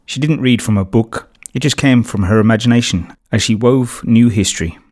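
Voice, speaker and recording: A man's voice: mid-range voice, moderate pace, darkish tone. A man steadily reading a children's storybook as narrator.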